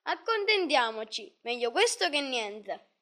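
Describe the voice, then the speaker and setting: A woman's voice: sits high, sing-song, a little slow, pushed and bright, heavily acted. A woman reading a kind poor shoemaker. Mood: cheerful. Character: poor kind-hearted middle-aged male shoemaker. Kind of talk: storybook reading.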